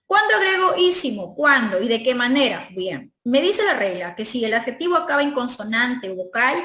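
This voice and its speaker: A Peruvian woman with a high voice teaches an exam review class, explaining patiently and stretching out each example word. She keeps checking in with short questions to her students, and her voice rings in an echoey room. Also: a bit bright. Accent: Peruvian Spanish. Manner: stretches out and stresses example words.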